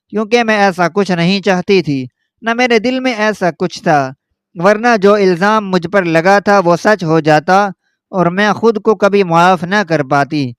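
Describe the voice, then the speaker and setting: A man narrating a first-person story in a steady, earnest telling. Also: sits high, smooth, dry recording, studio quality.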